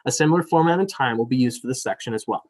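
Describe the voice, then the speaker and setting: Very fast and a little mellow, his mid-range voice carries a young student elections director through moderating a debate over a video call. Apologetic chatter full of fillers gives way to a formal reading of the rules.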